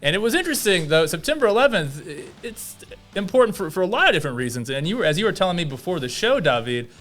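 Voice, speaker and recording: A man's voice: sits high, very animated, fast talker, a bit bright, faint music behind. A man hosting a podcast, upbeat and conversational as he steers the talk. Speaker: podcast host. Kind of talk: casual podcast chat.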